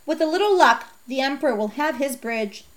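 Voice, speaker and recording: A woman's voice: high-pitched, animated, brisk. A woman reading the lines of a clumsy, earnest bridge builder in a storybook, in a voice close to her own. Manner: earnest, shouting orders. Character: clumsy hardworking bridge builder, adult man.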